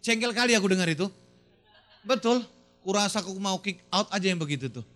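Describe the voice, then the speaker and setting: A middle-aged male pastor with a high, lively, bright voice gives an animated sermon. He teases the congregation, fires questions at them and slips in regional phrases and English words. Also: a little fast, soft background music. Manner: animated, teasing, mixes in Manado dialect phrases and English words.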